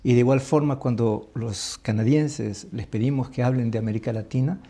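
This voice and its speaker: A man from El Salvador, an ambassador, talking in an interview in a thoughtful, halting way with many restarts. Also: medium pitch, steady tone, warm tone. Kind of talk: conversational interview.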